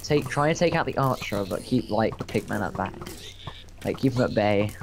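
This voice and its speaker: A man's voice: fairly low pitch, animated, moderate pace, vocal fry. A young man giving cautious, matter-of-fact commentary while playing a game with a friend. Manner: cautious, gives tactical tips. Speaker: gamer. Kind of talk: casual gaming commentary.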